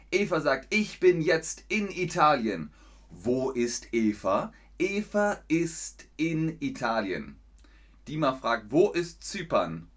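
Male German teacher on a live stream, slow and deliberate, lively pitch, repeats phrases and praises often. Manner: slow, simple phrasing, repeats sentences for learners; encouraging, frequent praise. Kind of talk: live-streamed language lesson, reading out chat.

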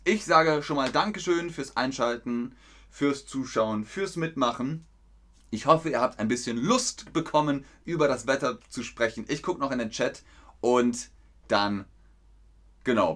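A man from teaching in a live-stream lesson, speaking slowly and clearly, reading viewers' chat aloud and correcting them. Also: medium pitch, expressive, a bit bright.

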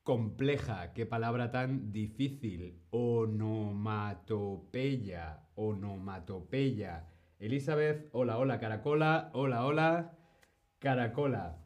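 A man with a Spain Spanish accent hosts a live-stream language lesson at an unhurried, deliberate pace. His pitch sits in an ordinary middle range, and he playfully mimics sounds as he explains. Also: darkish tone. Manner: slow and deliberate, greeting chat viewers by name, mimicking sounds playfully.

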